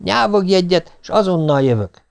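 A man's voice: sits high, lively intonation, vocal fry, clear, resonant tone, pitched above the performer's own voice. A self-assured eldest daughter who takes charge, as a man puts her on in a storybook reading. The voice is lifted above his own and firm in tone. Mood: confident.

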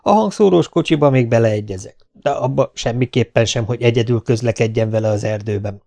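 A man's voice: medium pitch, creaky, mellow, close to an everyday voice. A man reading an audiobook, voicing a genial, self-assured male border captain who can turn firm. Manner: affable, then firm and curt.

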